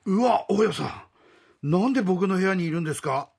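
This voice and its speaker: A man's voice: high-pitched, lively intonation, brisk, vocal fry, darkish tone, breathy edge, heavily acted. A male rakugo storyteller voicing a polite, flustered young male tenant. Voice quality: polite, increasingly exasperated.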